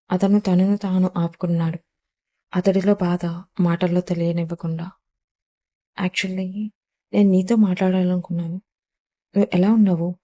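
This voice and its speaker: Woman narrating, flat and mellow. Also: on the low side. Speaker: storyteller. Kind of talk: scripted narration.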